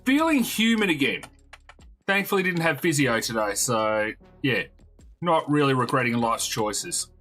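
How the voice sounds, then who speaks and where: A man with a hoarse, fading voice, chatting casually on a game live stream and greeting viewers as he plays. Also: mid-range voice, sing-song, measured pace, sharp tone, soft background music. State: hoarse, losing his voice.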